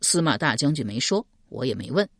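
A woman voicing an earnest young man who speaks softly and politely. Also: extremely low pitch, sing-song, fairly quick, dry recording, studio quality, voice pushed down, exaggerated voice. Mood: gentle, earnest. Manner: soft and polite.

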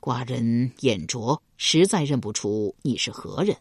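A woman voicing a grave, dignified ancient king who speaks slowly and solemnly in a storybook reading. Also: very deep voice, lively intonation, slightly rough, dry recording, studio quality, pitched below the performer's own voice, full character voice. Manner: slow, measured, solemn.

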